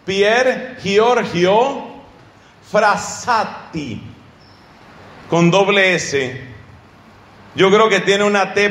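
A man preaching a sermon, teaching with rhetorical questions to his listeners in an animated way. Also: high-pitched, echoey room.

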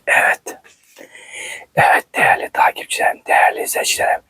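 A man whispering ASMR in a hushed, soothing way, quiet at night, repeating short phrases like a soft chant. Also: brisk. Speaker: host of an ASMR channel.

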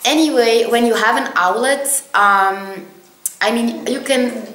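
A woman's voice: on the high side, a little slow, a bit bright, a little hiss or hum. Chatty young woman in an echoey room. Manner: chatty, many ums, laughs at herself. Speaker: vlogger. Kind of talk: casual storytelling to camera. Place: small indoor room with plain wall.

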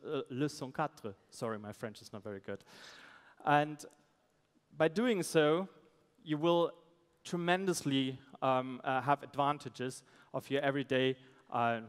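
A man, a startup founder giving a halting, pitch on a conference stage. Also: smooth. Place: stage in a large event hall. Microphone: headset. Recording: amplified voice in large reverberant hall.

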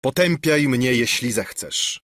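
A man reading an audiobook voices a passionate young male officer, loud, pleading and furious, in a slightly raised voice. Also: medium pitch, lively intonation, unhurried, dry recording, clean studio sound, pitched above the performer's own voice. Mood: impassioned.

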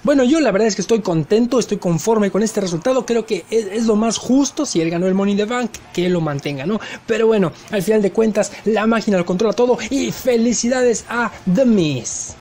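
Excitable high-voiced male game commentator. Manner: excited, quick shouts at big moves. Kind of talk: play-by-play wrestling commentary.

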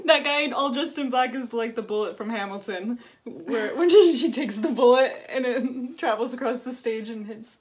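A woman's voice: a little high, normal speed, few pauses. A woman in her twenties giving casual, amused reaction commentary in a small room, often giggly. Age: 20s. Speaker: reaction video host.

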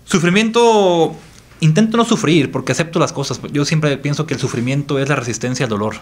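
Husky and mid-range, the voice of this Mexican Spanish-accented priest moves quickly. As a guest on a reflective podcast, he speaks earnestly and says phrases more than once for emphasis.

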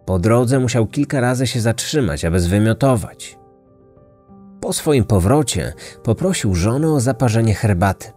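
A man reading a scripted true-crime story in a measured, dramatic way. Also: medium pitch, expressive, a little mellow, soft background music. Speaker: podcast narrator.

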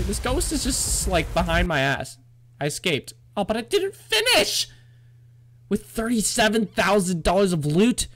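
A man's voice: sits high, fairly bright tone, slight background noise. A young man narrating a horror game to his audience, jumpy and swearing, talking to himself and yelping in fright. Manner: jumpy, swearing, talks to himself, panicky yelps. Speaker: gaming YouTuber. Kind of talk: horror game let's play commentary.

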